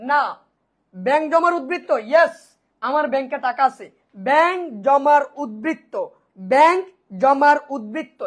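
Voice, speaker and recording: A high-pitched woman teaches an online accounting class, asking and answering her own questions and repeating key points. She often checks whether her students are following.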